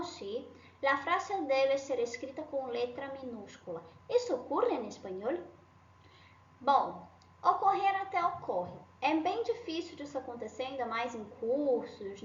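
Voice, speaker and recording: A woman's voice: high voice, fairly bright tone, a little hiss or hum. A woman teacher giving a language lesson, checking in with short tag questions and patiently repeating and rephrasing each point. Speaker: Spanish teacher. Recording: roomy, slightly dull sound.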